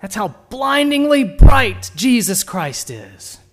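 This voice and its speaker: A man preaching a sermon, asking the listeners direct questions and swinging between hushed and emphatic delivery. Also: extremely high pitch, sing-song, slow pace, soft background music.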